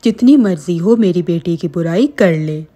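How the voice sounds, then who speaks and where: A woman voicing a vengeful ghost mother-in-law in a cartoon, low and menacing as she threatens her daughter-in-law. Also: expressive, normal speed, mellow. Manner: threatening, gloating. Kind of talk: cartoon voice acting.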